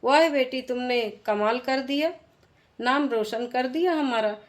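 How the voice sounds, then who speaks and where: A woman voicing a humble, gentle village mother who speaks meekly. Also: high voice, measured pace. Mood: tender.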